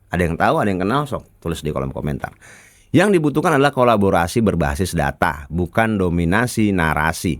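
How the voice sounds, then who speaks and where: A man with a Sundanese accent giving a chatty, colloquial commentary that rebuts a news article. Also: medium pitch. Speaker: political commentator.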